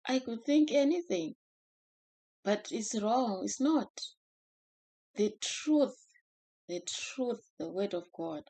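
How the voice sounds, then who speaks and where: A woman speaking in a gentle, unhurried way in a personal devotional talk, with many fillers and restarts. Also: medium pitch.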